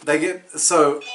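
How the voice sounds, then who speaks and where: A man's voice: fairly high pitch, a bit bright. A drunk man giving a casual comedic movie recap, rambling, giggly and swearing, and losing track of names as he goes. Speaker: host of a drunk movie review.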